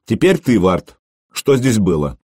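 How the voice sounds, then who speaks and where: A man voicing a stern young prince who speaks slowly and commands. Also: fairly low pitch, big pitch swings, warm tone, breathy edge, no echo, clean studio sound, heavily acted. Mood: commanding. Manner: slow, commanding, measured.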